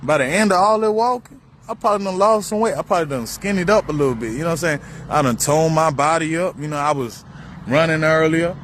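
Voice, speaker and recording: Speaking quickly in a fairly bright, higher-than-average voice, a man vlogs outdoors next to a busy road. Traffic passes faintly as his profane, meandering monologue on spirituality keeps repeating itself while his thoughts drift.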